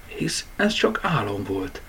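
A man voicing a small sleepy girl who bosses her toys, in a high, breathy child voice. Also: huge pitch swings. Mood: puzzled.

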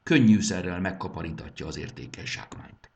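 A man's voice: low-pitched, creaky. A man voicing a greedy, proud old male lizard-bird warlord in a storybook reading, with a scheming inner voice. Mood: gloating. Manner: scheming, then pained inner voice.

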